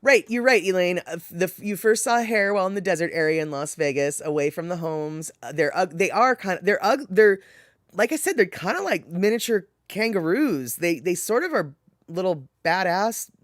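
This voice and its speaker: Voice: medium pitch, lively intonation, normal speed, dry recording, clean studio sound. A live-stream host from the United States chatting casually with viewers, rambling, correcting themself and laughing at their own remarks. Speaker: livestream host reading viewer chat.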